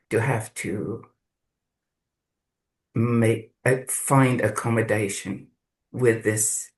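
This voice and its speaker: Slow, halting man sharing reflectively. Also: on the low side, poor audio. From South Africa. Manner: slow, halting, searching for words. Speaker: course participant. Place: video call.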